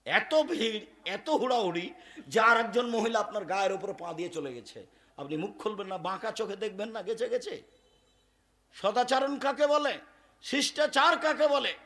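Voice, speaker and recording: A man preaching a waz sermon, forceful and loud at peaks with quiet asides between. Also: sits high. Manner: admits he speaks hard and loud.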